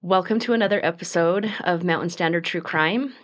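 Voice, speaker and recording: A woman hosting a true crime podcast, reading a case from notes in a calm, steady narration with small slips and restarts. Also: fairly low pitch, brisk.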